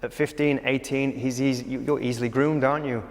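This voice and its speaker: A man who manages children's homes, telling his story in an interview in an earnest, halting way, repeating himself as emotion catches him. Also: mid-range voice, fairly even intonation, in a large hall.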